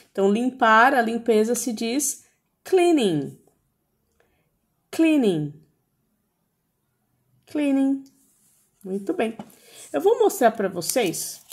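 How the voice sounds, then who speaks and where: Patient Brazilian woman teaching slowly. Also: on the high side, darkish tone. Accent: Brazilian Portuguese. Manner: patient, repeats words many times and stresses each word. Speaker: English teacher for young children. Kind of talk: slow, drawn-out pronunciation drills for children.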